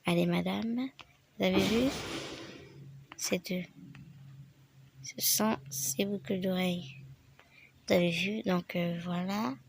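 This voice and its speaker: A woman's voice: lowish voice, fairly even intonation, slow pace, vocal fry, long pauses, noisy background. A woman with the flu giving a chatty, rambling game tutorial and speaking straight to her viewers. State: sick with the flu, voice affected. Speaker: gaming channel host. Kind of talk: casual game tutorial narration.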